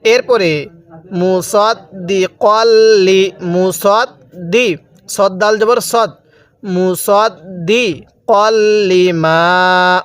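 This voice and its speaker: A man with a fairly high, slightly bright voice teaches Quran recitation step by step, spelling out letters before reciting the words slowly and drawn out. He poses questions to the viewer and answers them himself.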